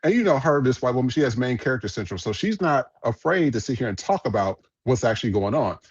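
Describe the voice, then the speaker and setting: A man's voice: mid-range voice, very animated, quick pace, breathy edge, dry recording, highs cut off. A man hosting a podcast, giving blunt, profane, rambling commentary on viral clips. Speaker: podcast host.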